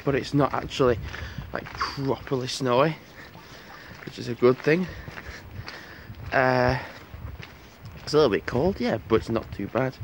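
A man's voice: medium pitch, a little hiss or hum, poor audio. A young man, vlogging as he walks along a street outdoors, rambling to a handheld camera. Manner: rambling, chatty, talks to the camera while walking. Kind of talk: casual walking vlog. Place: outdoors on a quiet street before dawn.

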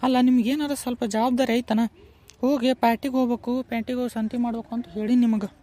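A woman's voice: on the high side, steady tone, fast, warm tone, close to an everyday voice. Woman doing a nagging village mother. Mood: scolding. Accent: North Karnataka Kannada. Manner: scolding and nagging. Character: fussy, doting village mother, middle-aged woman. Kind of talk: cartoon voice acting.

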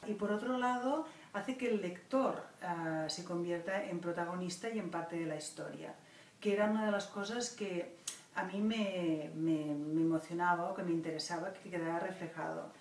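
A woman, a children's book author and illustrator, reflecting thoughtfully in an interview, halting often with "ah" fillers. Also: fairly low pitch, darkish tone. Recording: roomy distant mic with faint noise.

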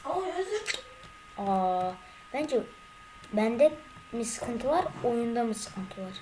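A woman's voice: fairly high pitch, very animated, takes it slowly, noisy background. A young woman commenting on her gameplay as a gaming YouTuber, talking to her viewers and getting more and more frustrated. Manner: increasingly frustrated, exclaiming.

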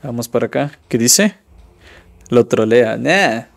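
A young man from Ecuador streams a mobile survival game, talking casually as he loots and reads chat aloud. His voice has a gravelly, fry-edged texture at an ordinary middle pitch. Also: animated, slow. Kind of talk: live mobile game commentary.

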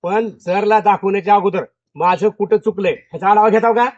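A man's voice: high-pitched, fairly even intonation, fairly quick, no echo. Male teacher in a classroom, keeps firing the same question at pupils, dry, dull lo-fi recording. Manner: repeats questions to pupils, drilling. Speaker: school teacher.

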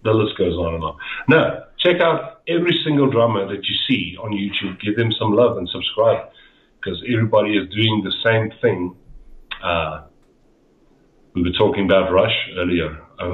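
Rambling and repeating his words, a middle-aged guest with an Afrikaans accent talks with his interviewer over video call. His voice is low and his pace moderate. Captured on a headset in a dim room at home, the sound is echoey and tinny.

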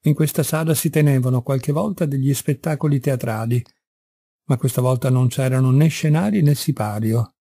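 A man reading a classic novel aloud in measured, even scripted narration. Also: mid-range voice, slightly rough, dry recording. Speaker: audiobook reader.

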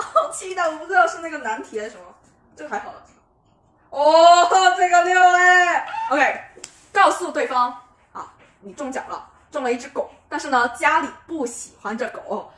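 A young woman hosts a casual vlog with an animated, giggly manner. Her voice is fairly high and picked up a little away from the mic in a roomy space. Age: young adult. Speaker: host of a prank-call game. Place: living room, indoors. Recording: roomy, distant camera mic.

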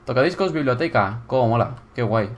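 A young man with a Spain Spanish accent giving casual gameplay commentary on a viewer's build, excitable and bursting into loud exclamations. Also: mid-range voice, brisk. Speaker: YouTuber touring viewer builds.

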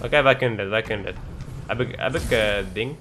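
A man's voice: lowish voice, fast, a bit bright, a little hiss or hum. A young man giving playful, trash-talking gameplay commentary as a gaming YouTuber, slipping English slang into his talk.

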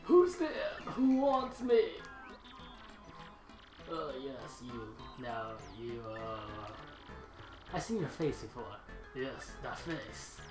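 A man's voice: mid-range voice, very animated, extremely slow, pauses often, music in the background, pitched below the performer's own voice, full character voice. Man putting on a fussy old professor, echoey. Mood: excited, then musing. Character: excitable, forgetful, bookish old male Goomba professor.

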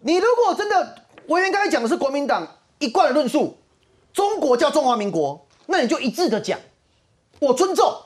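A woman's voice: sits high, big pitch swings, fairly quick, a little mellow. A woman arguing as a panel commentator on a political talk show, heated and mocking, firing rhetorical questions. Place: TV studio.

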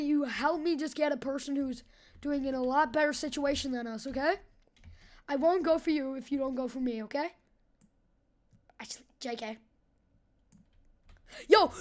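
A young woman with a high voice riffs through casual gameplay commentary. She is hyper and goofy, cracking jokes and breaking into loud yells and silly chants. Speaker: gaming channel host.

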